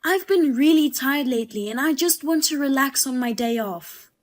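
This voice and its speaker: A woman telling a drama as the narrator and wife, in a calm, measured and firm way. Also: high-pitched.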